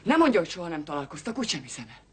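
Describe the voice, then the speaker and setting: An actress dubbing a suspicious widow in a film, questioning others in a cold, accusing manner. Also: female voice, on the low side, sing-song, husky, full character voice. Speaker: dubbing actor. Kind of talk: dubbed film acting.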